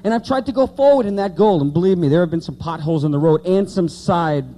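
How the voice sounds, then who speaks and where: A man in his late thirties preaches an informal evangelical sermon, talking conversationally to the congregation and repeating key words for emphasis. His voice sits high and mellow, and he speaks at a quick pace.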